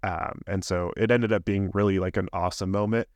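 A man's voice: sits low, steady tone, brisk, no room sound. A man in his thirties, a podcast co-host, telling a candid, rambling story in casual chat.

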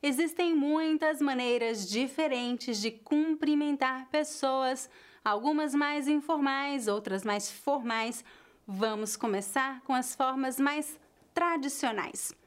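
A Brazilian woman teaching Portuguese phrases in a clear, deliberate way, with a Brazilian Portuguese accent. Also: high voice. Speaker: language teacher. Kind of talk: slow scripted lesson narration.

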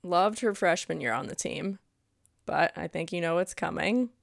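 A woman's voice: on the low side, moderate pace, vocal fry, dry recording, clean studio sound. A woman hosting an interview, framing thoughtful questions for her guest. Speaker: podcast host.

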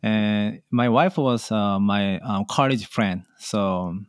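Guest: Korean-accented man, halting and hesitant, low smooth voice, dry sound. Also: dry recording. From South Korea. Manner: halting, simple phrasing with many fillers. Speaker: podcast guest, online seller. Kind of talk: casual interview chat.

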